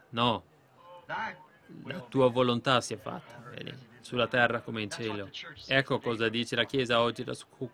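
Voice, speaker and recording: A man preaching with a bright, forceful voice. He delivers the sermon with fervour, pushing his questions at the listeners in rising, urgent appeals. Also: mid-range voice. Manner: fervent, building to loud appeals to the congregation.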